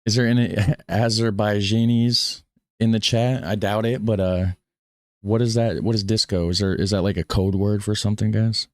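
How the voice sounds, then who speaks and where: A man's voice: on the low side, steady tone, moderate pace, dry recording. An American man giving casual, folksy reaction commentary on a video, often repeating himself. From United States.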